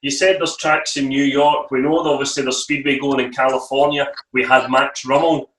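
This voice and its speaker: A man's voice: medium pitch, flat delivery, moderate pace, a bit bright. A man co-hosting a casual interview, asking friendly, probing questions. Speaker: co-host. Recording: roomy sound, distant from mic.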